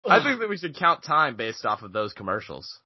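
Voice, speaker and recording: A man's voice: medium pitch, very animated, a little fast, husky, dull audio. A young man co-hosting a podcast, joking sarcastically in casual banter. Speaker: podcast co-host. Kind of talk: casual chat.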